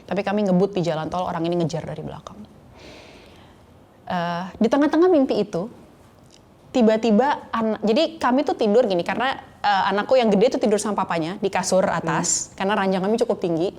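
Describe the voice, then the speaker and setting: Earnest woman with a mellow voice. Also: medium pitch, animated, fairly quick. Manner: earnest storytelling, slips into English phrases. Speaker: guest sharing a faith testimony. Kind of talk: conversational interview testimony.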